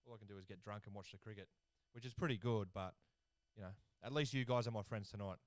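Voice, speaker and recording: A man's voice: on the low side, quick pace, no room sound. A young Australian man hosting a casual cricket watchalong from his lounge room, laid-back and swearing freely. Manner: laid-back, swears, excitable over wickets. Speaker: watchalong host and commentator. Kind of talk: casual live-stream commentary.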